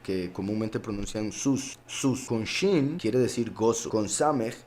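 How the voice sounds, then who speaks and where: A man preaching with a Costa Rican Spanish accent, his voice sitting somewhat low. He teaches in a steady expository way, returning to key words again and again to drive the point home. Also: unhurried. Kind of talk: sermon.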